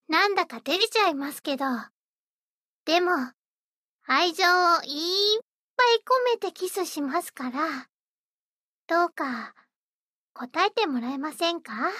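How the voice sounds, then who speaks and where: A woman's voice: extremely high pitch, lively intonation, slow, pauses often, bright, forceful tone, no echo, clean studio sound, exaggerated voice. A woman voicing a sweet, eager young maid-café hostess who speaks politely and dotingly. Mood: shy. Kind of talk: roleplay audio drama.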